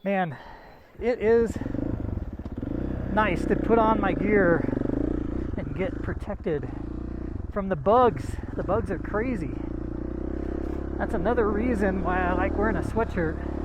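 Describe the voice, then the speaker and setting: A man's voice: high-pitched, takes it slowly, long pauses. A man giving casual commentary while riding a dirt bike on a mountain trail, a bit out of breath. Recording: loud engine and wind noise.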